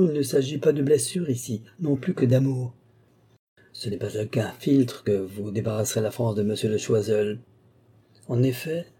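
A man reading aloud as a calm, assured male sorcerer count in a novel's audiobook, speaking with persuasive confidence. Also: mid-range voice, slightly rough, lightly acted.

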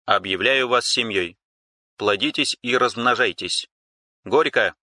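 A man's voice: medium pitch, a little slow, bright, forceful tone, no echo. A man voicing a female ship AI in an audiobook, dry, formal and sarcastic. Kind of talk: audiobook character reading.

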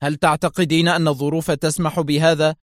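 A man's voice: on the high side, little pitch movement, quick pace, dry recording, clean studio sound, close to an everyday voice. A man reading aloud and voicing a tense, alarmed male doctor who exclaims in agitation.

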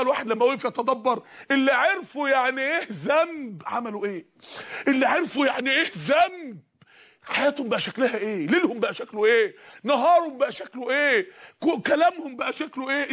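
Impassioned high-voiced Egyptian preacher man. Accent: Egyptian Arabic. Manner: impassioned, pleading, rising to shouts. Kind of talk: sermon.

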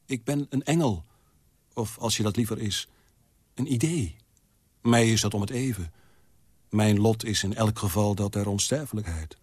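A man reading as a weary, calm angel. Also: fairly low pitch, normal speed, pauses often, husky, no echo, studio quality. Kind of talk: literary reading.

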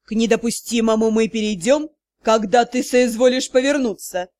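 A woman reading an audiobook, voicing a furious male dark-lord magister in a hoarse, menacing voice. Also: fairly low pitch, moderate pace, no room sound, clean studio sound, voice pushed down, close to an everyday voice. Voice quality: hoarse, growling. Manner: threatening, icy, commanding. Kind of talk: audiobook character voice.

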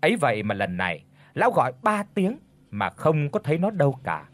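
A man narrating a folk tale audiobook in an expressive storytelling manner. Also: on the high side, fairly quick, no echo.

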